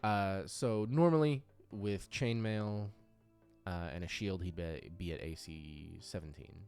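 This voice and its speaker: This man's voice sits low and is smooth and a little mellow, with a slightly slow delivery and soft music in the background. As creator and game master of a tabletop RPG audio drama, he gives casual, unscripted remarks while going over character sheets, occasionally murmuring nonsense sounds.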